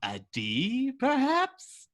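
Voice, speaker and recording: A man's voice: very high-pitched, huge pitch swings, drawn-out words, fairly bright tone, full character voice. A man playing a gleeful, taunting comic-book villain in a theatrical, playfully menacing manner at a script read. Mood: mock-pondering menace.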